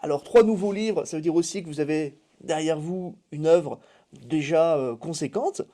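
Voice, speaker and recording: An interviewer asking long, halting questions full of fillers. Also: mid-range voice, dark tone.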